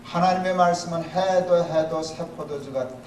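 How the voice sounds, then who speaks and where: A man's voice: a little high, fairly even intonation, normal speed, darkish tone, a little hiss or hum, lightly acted. A man voicing God as a stern, exasperated male figure who rebukes someone within a sermon. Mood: scolding. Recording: echoey hall, mic from a distance.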